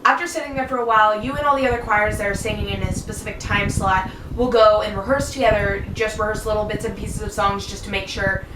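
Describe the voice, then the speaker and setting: A teenage girl vlogger telling a story in a gushing, excitable way, full of fillers. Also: medium pitch, fast talker, few pauses. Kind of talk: casual storytelling. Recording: echoey room, far from mic, noisy.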